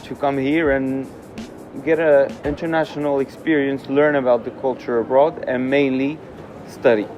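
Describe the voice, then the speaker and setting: A young man from Morocco gives casual interview answers in a relaxed, candid, easygoing way, leaning on many "uh"s as he thinks aloud. His voice sits at an ordinary middle pitch and moves at normal speed. The audio is dull, with a clear music bed underneath.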